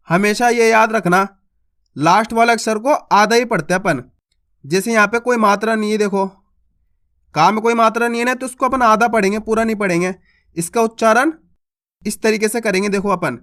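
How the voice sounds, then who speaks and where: A man teaching reading, sounding out syllables slowly and asking and answering his own questions. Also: high-pitched, a bit bright. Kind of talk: teaching children to read.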